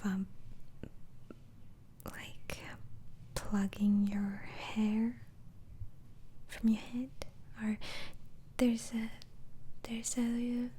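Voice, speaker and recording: Playing a doctor who interviews someone, a woman in an ASMR role-play whispers her gentle questions very slowly, pausing haltingly. Her medium-pitched whisper is dark, soft and breathy, and noise is clearly audible in the recording.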